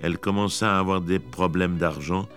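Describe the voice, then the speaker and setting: A man giving measured, expressive scripted narration of a classic story. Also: low-pitched, soft background music.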